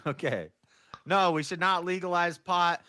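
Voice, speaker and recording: A man with a slightly high voice argues in a live online debate. He is clipped and dismissive and keeps pressing for a clear claim. The recording is dry and close. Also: unhurried, bright, forceful tone, no room sound.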